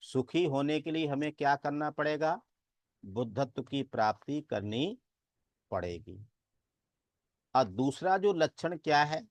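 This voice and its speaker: Male Buddhist teacher, slow and measured, a little high, dry sound. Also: expressive, no echo. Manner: slow and deliberate, chants verses and asks rhetorical questions. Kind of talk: dharma talk.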